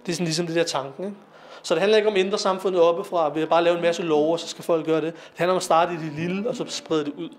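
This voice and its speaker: A man's voice: fairly high pitch, steady tone. A young man giving an informal lecture to young people, talking conversationally with fillers and asking his listeners questions. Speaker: lecturer on Sikh philosophy.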